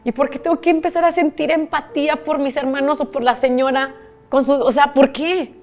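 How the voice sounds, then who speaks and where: A woman's voice: high voice, steady tone, brisk, a little mellow, faint music behind. A woman from Monterrey with a Mexican accent, a guest telling her life story candidly, repeating herself and swearing casually. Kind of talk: emotional personal storytelling.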